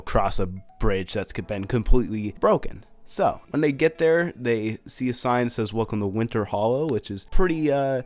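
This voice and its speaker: A young man talking through a cartoon episode in a loose, chatty commentary, his voice sitting at a middle pitch. He swings his delivery up and down for emphasis and throws in slangy asides. Soft music runs quietly underneath. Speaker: cartoon reviewer, channel host. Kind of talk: casual video commentary.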